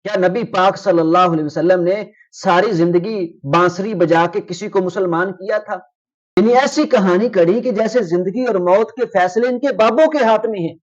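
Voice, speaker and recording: Man, host, rebuking commentary, indignant, high voice, muffled sound. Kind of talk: critical religious commentary.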